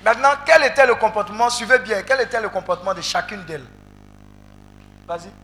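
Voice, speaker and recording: A high-voiced male preacher drives an interactive sermon, calling on his congregation and breaking into loud exclamations. His tone is bright and sharp, with faint noise in the background. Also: a little fast. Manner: animated, calls out to the congregation, bursts into loud exclamations. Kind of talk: interactive sermon with call and response.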